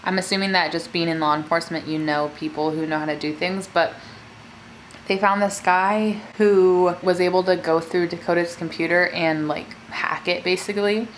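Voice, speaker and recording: A woman's voice: fairly low pitch, fairly even intonation, normal speed, a little hiss or hum, low-quality recording. A woman talking casually as a mukbang host, telling a true-crime story in a chatty way peppered with filler words. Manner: conversational, filler-heavy with frequent "like".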